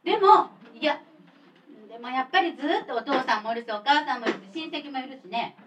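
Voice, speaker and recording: A woman in her thirties with a Kansai accent, telling a chatty, animated children's sermon as a church pastor. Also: high voice, a little fast. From Kobe, Japan. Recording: distant mic with faint noise.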